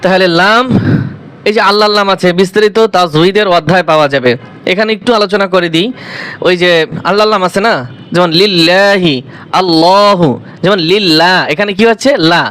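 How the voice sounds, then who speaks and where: A male Quran teacher with a high, fairly bright and smooth voice gives a recitation lesson on letter pronunciation. He's patient, drawing letters out slowly and posing questions before answering them himself.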